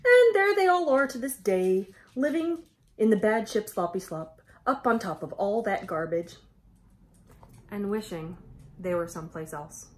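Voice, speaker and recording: A children's storyteller in her thirties reads a picture book aloud to children at an unhurried pace. Her medium-pitched voice is expressive and exclamatory, with dramatic emphasis.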